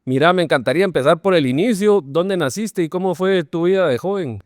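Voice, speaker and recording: A man hosting a podcast interview, asking friendly, relaxed questions. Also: high-pitched, a little fast, no room sound, studio quality. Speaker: podcast host.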